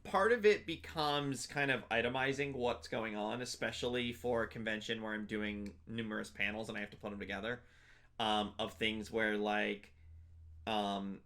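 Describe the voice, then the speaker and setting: A lowish, pushed and bright voice belongs to a young interview guest and convention panelist in casual conversation. He keeps a steady tone at a moderate pace while rambling with lots of fillers and restarts.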